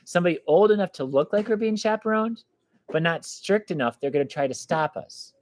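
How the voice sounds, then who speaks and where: A man reading aloud, voicing an anxious, determined teenage girl who is an older sister, speaking in a hushed, urgent way in a storybook reading. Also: high voice, animated, fairly quick, voice pushed up.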